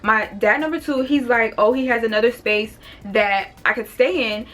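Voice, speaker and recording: A woman's voice: fairly high pitch, normal speed, a bit bright, a little hiss or hum. A young woman candidly telling her own story to viewers, speaking straight to them. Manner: candid, talks to viewers directly. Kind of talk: casual storytelling to camera.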